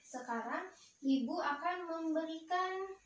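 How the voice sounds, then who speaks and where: A young woman student teacher leading a lesson for young children, encouraging and slow, clearly praising her pupils. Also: extremely high pitch, expressive, a little hiss or hum. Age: young adult. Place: primary school classroom. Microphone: far camera. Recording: echoey classroom from far off.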